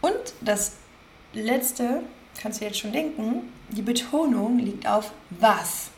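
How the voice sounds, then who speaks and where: A woman hosting a podcast, gently guiding listeners through self-reflection, slowly repeating questions and stressing single words. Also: on the high side, animated, slight background noise. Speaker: podcast host, coach. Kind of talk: guided self-reflection talk.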